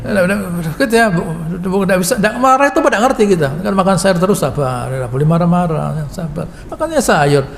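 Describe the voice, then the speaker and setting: A man's voice: high-pitched, expressive, a little fast, vocal fry, hardly any pauses. A man preaching a folksy, joking sermon with Quran commentary in a mosque, full of asides and chuckling at his own jokes. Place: mosque hall. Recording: reverberant mosque hall with faint noise.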